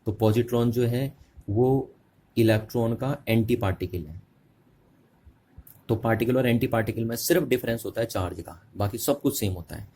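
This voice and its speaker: A man teaching a physics lesson, asking questions and answering them himself, slowing down to dictate notes. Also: mid-range voice, dark tone, a little hiss or hum. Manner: slows to dictate notes word by word. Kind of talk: classroom-style physics lecture.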